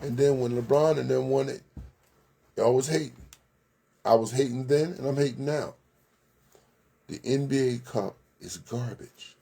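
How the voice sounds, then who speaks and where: A man's voice: mid-range voice, a little slow, vocal fry, long pauses, warm tone, breathy edge. A man hosting a local sports recap, chatting casually, giving blunt opinions and greeting viewers by name. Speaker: sports show host. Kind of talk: casual live sports commentary.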